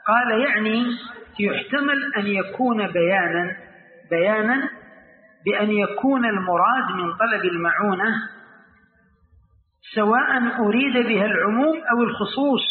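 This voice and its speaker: A man's voice: high-pitched, slight background noise. A man teaching a lesson on Quran commentary. He asks his students questions and repeats the key phrases. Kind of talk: classroom lesson. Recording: tinny, echoey hall recording.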